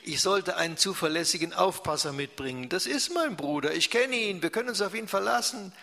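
A man voicing a calm, confident teenage boy, the older brother in a story. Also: sits high, brisk, vocal fry, voice pushed up, heavily acted. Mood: assured. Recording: echoey hall.

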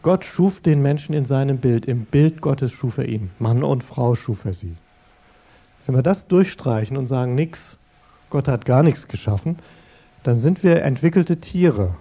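A middle-aged man preaching in an earnest, conversational way, turning to his listeners directly. His voice is mellow and warm. The recording sounds a little dull and lo-fi. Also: medium pitch, expressive, measured pace. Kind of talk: sermon-style talk.

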